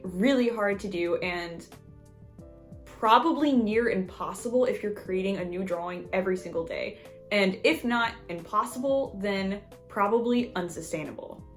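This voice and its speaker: A woman artist narrating her vlog in a friendly, chatty, self-deprecating way. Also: medium pitch. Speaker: artist and video creator.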